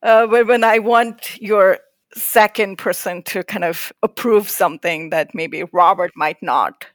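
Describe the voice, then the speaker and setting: Slow-talking woman with a New York–Indian accent. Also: mid-range voice, steady tone, no room sound. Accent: mix of New York and Indian. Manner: candid, wry, laughs often. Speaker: guest, managing director. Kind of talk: casual conversation. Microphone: video call.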